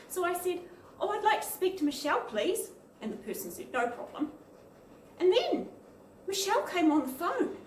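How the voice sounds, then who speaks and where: A woman's voice: high-pitched, distant mic. A woman telling a funny childhood story in a self-mocking way. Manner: lively, self-mocking, lightly amused. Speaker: vlogger. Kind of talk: personal anecdote storytelling. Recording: roomy echo, off-mic, faint noise.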